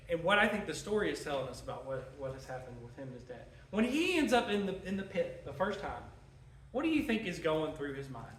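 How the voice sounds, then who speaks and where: A man teaching a Sunday school class in an animated way, asking his listeners questions as he goes. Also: a little high. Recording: echoey room, mic at a distance.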